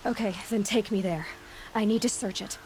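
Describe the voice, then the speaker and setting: A woman's voice: medium pitch, normal speed, a little mellow, slight background noise, natural voice, low-quality recording. Aloy, a woman voicing a blunt young huntress. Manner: terse, direct, self-reliant. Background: game music.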